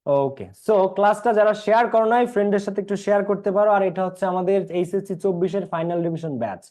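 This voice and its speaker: Young Bangladeshi man teaching, fairly high voice. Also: rapid-fire, a little mellow. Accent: Bangladeshi Bengali. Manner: repeats points, quizzes students, mixes English into Bengali. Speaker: English teacher. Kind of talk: online class lecture.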